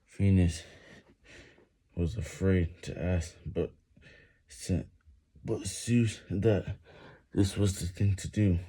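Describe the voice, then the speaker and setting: A man's voice: sits low, slow, long pauses, dark tone, husky. A man reading a novel aloud while doing push-ups, exerting himself, with sighs between phrases and words often broken off and repeated.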